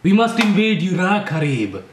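A man's voice: high-pitched, big pitch swings, normal speed, echoey room, a little hiss or hum. An actor in an amateur film playing a scheming male extremist leader who lectures insistently. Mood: commanding.

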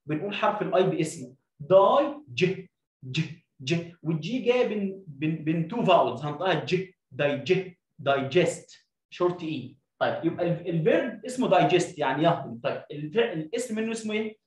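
A man's voice: a little high, lively intonation, fast talker, echoey room, far from the mic, poor audio. A man with an Egyptian Arabic accent teaching an English lesson, drilling pronunciation by repeating sounds. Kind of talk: video lesson.

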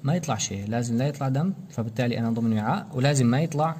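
A man's voice: medium pitch, very fast, mellow, a little hiss or hum. A man giving a practical anesthesia lecture, explaining procedure steps and quizzing students with rhetorical questions. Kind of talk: practical medical demonstration.

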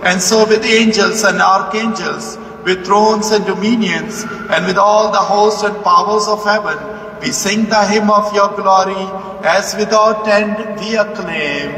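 A man, a priest, reciting the prayers of the Mass in a measured, solemn manner, his voice echoing through a large cathedral. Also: high-pitched, fairly even intonation, pushed and bright. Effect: cathedral echo. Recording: echoey cathedral, distant mic, faint hum.

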